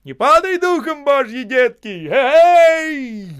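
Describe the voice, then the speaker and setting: A man voicing a bold, cheerful older workman who hollers orders and rough scolding. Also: high-pitched, moderate pace, no echo, clean studio sound, pitched above the performer's own voice, lightly acted. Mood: bold shouting.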